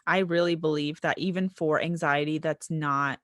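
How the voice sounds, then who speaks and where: Deep-voiced woman podcast host, dry sound. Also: fairly even intonation, normal speed, fairly bright tone, dry recording. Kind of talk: casual podcast interview.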